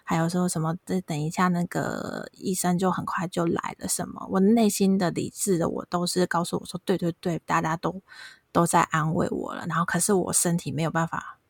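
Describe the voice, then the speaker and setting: Gravelly-voiced Taiwanese woman telling a story. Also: fairly low pitch, a little fast, no room sound, clean studio sound. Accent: Taiwanese Mandarin. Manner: animated storytelling. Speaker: podcast host. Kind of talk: casual chat.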